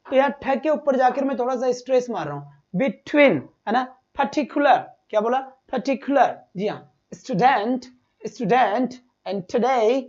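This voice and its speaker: A man teaches a live online exam-prep class, firing quick questions at his students, repeating each point and calling them "beta". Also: very high voice, darkish tone, lo-fi sound.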